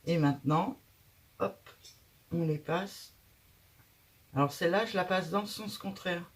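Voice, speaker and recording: Slow-talking woman thinking aloud at her craft table. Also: on the low side. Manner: chatty, thinks aloud while working, many hesitations. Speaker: craft tutorial host. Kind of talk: casual hands-on craft tutorial.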